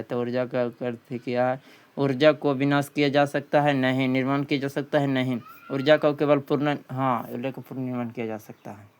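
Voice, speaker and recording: Here a man's mid-range voice, clean in tone and marked by a Bihari accent, runs through an exam quiz lesson. He reads the questions aloud, repeats them often, and follows up with the answers.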